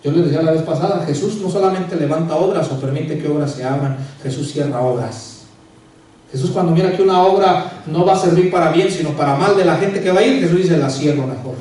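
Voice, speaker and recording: A man's voice: a little high, a little fast, dark tone. A male pastor preaching a sermon, calling the congregation brother and sisters and acting out quotes from a couple. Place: church sanctuary. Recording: echoey room, voice from far off.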